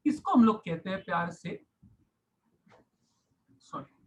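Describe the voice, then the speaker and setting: A man's voice: high-pitched, expressive, slow pace, a little hiss or hum, poor audio. A man teaching a science class, explaining step by step, repeating key phrases and mixing English terms into his Hindi. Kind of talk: online class lecture.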